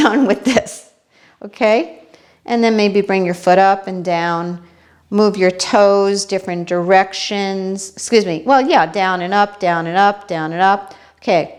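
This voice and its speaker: A woman with a New York accent demonstrating balance exercises, chatty and unhurried, checking in with viewers as she goes. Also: mid-range voice, darkish tone. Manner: unhurried, talks while demonstrating moves. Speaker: fitness instructor.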